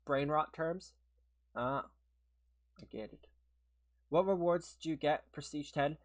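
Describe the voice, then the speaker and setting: A slightly sick, sniffly man streams a game and talks with viewers, rambling and laughing as he replies. His voice sits fairly high and he speaks slowly.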